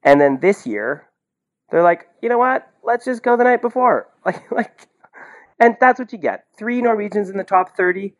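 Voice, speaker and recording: This man's high-sitting, expressive voice runs at a normal speed as he talks sports casually on a podcast. He's blunt and incredulous, firing off rhetorical questions and saying "like" constantly while sharing his opinions.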